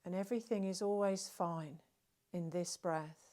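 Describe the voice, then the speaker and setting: Speaking in short phrases broken by long pauses, a woman guides a relaxation session in a gentle, calming way. Her voice is a bit low and very even, and her pace is very slow, typical of guided meditation narration.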